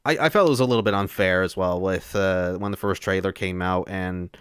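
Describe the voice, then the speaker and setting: Low, smooth-voiced male podcast co-host. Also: a little fast, fairly bright tone, dry recording, clean studio sound. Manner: easygoing, agreeable, hesitant restarts. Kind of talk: casual film review chat.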